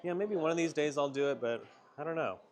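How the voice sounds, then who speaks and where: A man's voice: on the high side, quick pace, darkish tone. Goofy man vlogging in a theme park. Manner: goofy, joking and rambling. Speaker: vlog host. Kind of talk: casual theme park vlog. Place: outdoors in a theme park at night.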